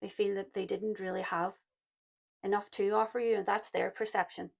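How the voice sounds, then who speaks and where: A woman with a croaky voice giving a pick-a-card tarot reading, speaking softly and reflectively and calling her listeners "my loves". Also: medium pitch, level tone, moderate pace. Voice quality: gravelly. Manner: soft-spoken, reflective, addresses listeners as "my loves". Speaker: tarot reader.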